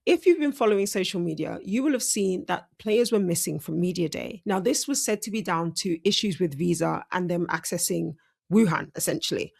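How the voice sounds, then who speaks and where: A woman's voice: lowish voice, lively intonation, brisk, creaky, a little mellow. A woman hosting a casual sports breakdown, chatty and self-correcting, her speech slightly impeded by braces. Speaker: host.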